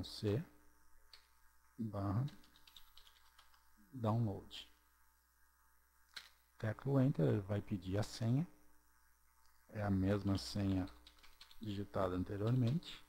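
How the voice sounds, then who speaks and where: A man talks through a computer tutorial at an unhurried, deliberate pace, pausing to check in with the viewer. His voice sits a little low and sounds soft and mellow. A faint hum runs under the recording. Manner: slow, step-by-step, checks in with "ok?" and "certo?". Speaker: programming tutorial presenter. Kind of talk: screencast tutorial narration.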